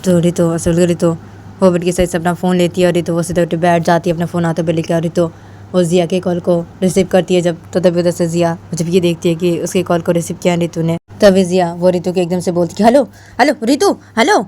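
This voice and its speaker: A woman's voice: on the low side, monotone, quick pace, dark tone, a little hiss or hum. A woman storyteller narrating a romance story in a casual, repetitive way.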